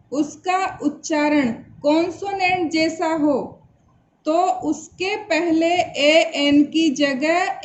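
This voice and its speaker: Female teacher, high voice, patient and repetitive delivery, slightly dull home recording. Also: a little hiss or hum. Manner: slow, repeats each point for pupils. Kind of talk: grammar lesson.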